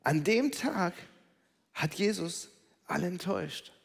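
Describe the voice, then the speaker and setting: A man's voice: sits high, lively intonation, slow pace, vocal fry, husky. Dramatic male preacher in a reverberant hall. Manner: dramatic, swings from loud calls to hushed whispers. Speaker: pastor. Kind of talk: sermon. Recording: long reverb of a large hall.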